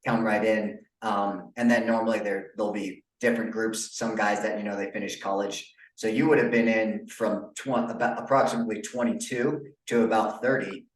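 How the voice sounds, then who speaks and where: A young adult man hosting a casual interview podcast, relaxed and full of fillers. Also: lowish voice, normal speed, hardly any pauses, distant mic. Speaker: podcast host. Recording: echoey room, off-mic.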